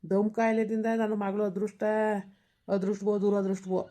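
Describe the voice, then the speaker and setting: A woman voicing a gentle, grieving old village grandfather with a rural Karnataka Kannada accent, in a village family drama. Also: mid-range voice, flat delivery, moderate pace, lightly acted. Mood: pleading.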